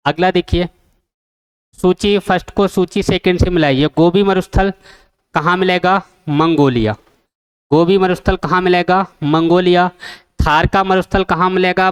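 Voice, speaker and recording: A man's voice: high-pitched, smooth. A man teaching an exam-prep geography lesson, asking the class questions and repeating the answers. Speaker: coaching teacher.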